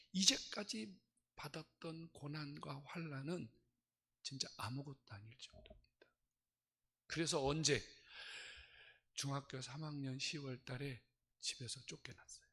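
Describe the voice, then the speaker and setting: Male pastor, sermon delivery, breathy edge on a bright, forceful voice, swings between whispers and bursts. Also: fairly high pitch. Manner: dramatic storytelling, swings from hushed whispers to loud outbursts.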